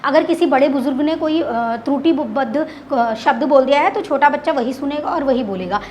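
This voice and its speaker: A woman's voice: high voice, moderate pace, darkish tone, slight background noise. A woman teacher giving an online exam-prep lecture, explaining in simple terms, repeating key words and answering her own questions.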